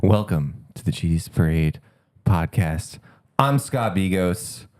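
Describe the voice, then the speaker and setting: A man hosting a comedy podcast in casual chat, joking in a deadpan way. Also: deep voice, slow, faint music behind. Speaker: podcast host.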